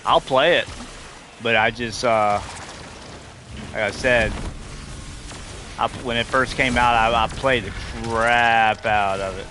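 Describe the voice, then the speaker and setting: Soft music plays behind a forties male streamer chatting casually with viewers mid-game, rambling and starting his sentences over. His mid-range voice is steady, slow, bright and forceful, with long pauses.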